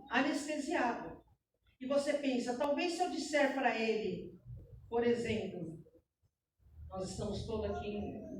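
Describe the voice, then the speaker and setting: A woman's voice: high voice, darkish tone, a little hiss or hum. A middle-aged woman giving an earnest, exhorting church talk to married couples. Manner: earnest and exhorting, addresses listeners as brothers. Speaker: speaker at a couples' meeting. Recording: echoey hall, voice from far off.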